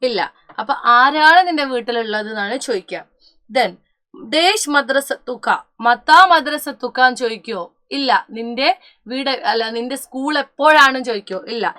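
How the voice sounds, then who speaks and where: High bright-voiced woman teacher. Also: lively intonation, measured pace. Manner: addresses students as children, asks and answers her own questions; mixes English words into her speech, corrects herself often. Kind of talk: online class lesson.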